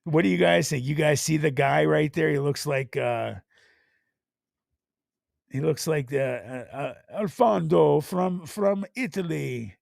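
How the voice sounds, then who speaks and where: A man hosting a live stream, chatting casually and rambling with restarts, his voice hoarse and worn from overuse. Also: a little high, measured pace, a little mellow, no room sound, studio quality. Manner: rambling, thinks aloud with restarts.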